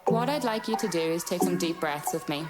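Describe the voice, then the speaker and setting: An actress playing a calm female therapist in a music video, speaking in a measured, coaxing way. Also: lowish voice, natural voice. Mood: guiding. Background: loud music.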